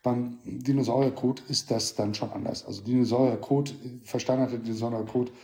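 A man with a mellow, dark-toned voice at an average pitch speaks casually, as in a voice message. He explains things conversationally into his phone. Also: steady tone, a little fast. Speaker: goldsmith.

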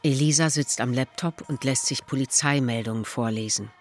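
A narrator telling a radio drama in a measured, matter-of-fact way. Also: medium pitch, soft background music. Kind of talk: scripted narration.

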